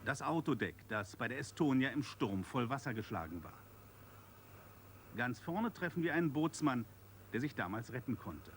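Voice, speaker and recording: A man's voice: mid-range voice, lively intonation, moderate pace. A man reading scripted television documentary narration in short, clipped phrases. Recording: faint background noise.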